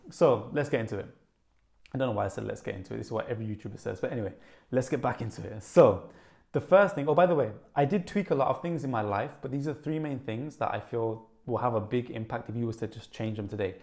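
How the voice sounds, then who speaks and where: A young man with a quick Brummie accent talks straight to camera as a wellness vlogger. He rushes along with excitement and scatters "like" through his sentences. His voice sits at an ordinary middle pitch. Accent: Birmingham (Brummie). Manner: fast, excited, animated, with many "like" fillers. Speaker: wellness YouTuber. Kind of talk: casual vlog talk to camera.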